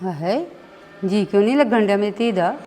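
A woman's voice: mid-range voice, lively intonation, fairly quick, warm tone, big-room sound, soft background music, lightly acted. A middle-aged woman with a Punjabi accent acting a soothing, motherly mother on a phone call.

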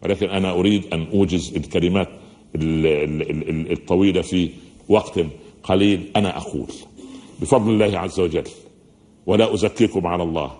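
A man with an Egyptian accent giving a religious lecture in a hall, talking fast and mixing formal and everyday speech as he asks the audience questions. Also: low voice, fairly even intonation, darkish tone. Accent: Egyptian Arabic. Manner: fast-talking, says listeners are used to his speed.

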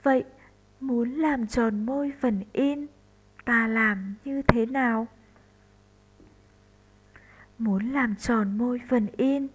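A woman primary school teacher from northern Vietnam giving a slow recorded lesson for first graders, spelling out sounds deliberately. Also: on the high side, poor audio.

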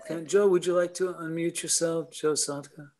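An older man moderating a casual Zoom Q&A from home, halting and repeating words as he starts. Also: on the high side, steady tone, a crowd in the background. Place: home room. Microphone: webcam on a video call.

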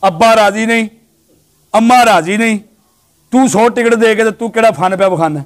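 A male preacher giving a sermon to a gathering, telling stories animatedly and swinging between loud exhortation and low, hushed asides. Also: fairly quick.

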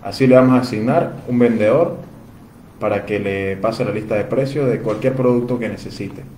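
Speaking at a moderate pace in a dark, lowish voice, a man from Venezuela fields viewer questions in a live Q&A while selling phone parts. He stays courteous and uses "usted," and the room echoes with faint background noise.

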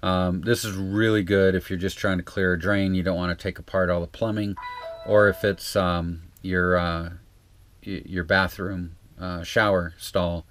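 A man's voice: deep voice, level tone, unhurried, a bit bright. A man giving a casual, hesitant, rambling how-to talk inside a small trailer, as a vlog host. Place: small RV interior.

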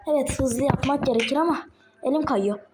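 A woman with a slightly sore throat, chatting excitedly to viewers while playing a game on a tablet. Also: sits high, a little fast, noisy background. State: sore throat, a bit ill. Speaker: gaming channel host. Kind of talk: casual gameplay commentary. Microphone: tablet microphone.

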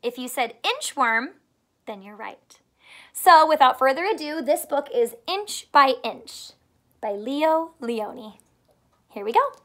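Very animated yet slow, a woman's high-pitched, somewhat bright voice carries a children's story read-aloud. She's in her thirties and acts as a teacher, explaining simply and quizzing young listeners, indoors in a small furnished room at home.

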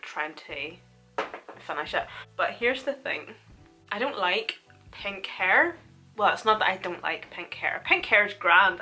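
A woman chats informally and animatedly through a casual makeup tutorial. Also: mid-range voice. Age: 20s. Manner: informal, chatty, animated storytelling. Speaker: beauty vlogger. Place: small room at home, indoors.

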